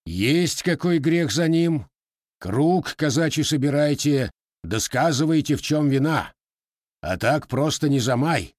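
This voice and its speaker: A man's voice: on the high side, animated, a little slow, a little mellow, no room sound, clean studio sound, pitched above the performer's own voice. A man voicing a proud male Cossack blacksmith who speaks firmly and contemptuously in an audiobook. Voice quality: firm, contemptuous.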